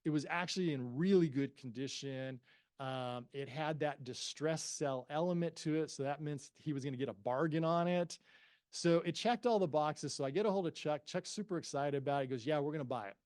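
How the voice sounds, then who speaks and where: A man's voice: a little high, moderate pace, no echo, clean studio sound. A middle-aged man presenting to real estate agents at a forum, telling an anecdote and acting out the dialogue of the people in it. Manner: animated storyteller, acts out the dialogue of the people in his anecdote. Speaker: real estate investment expert giving a presentation. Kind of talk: anecdotal storytelling at a professional forum.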